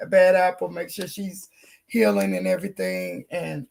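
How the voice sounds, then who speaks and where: Woman, livestream host, hoarse, gravelly fry, casual chat. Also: on the low side, big pitch swings, measured pace, darkish tone. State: hoarse, losing her voice.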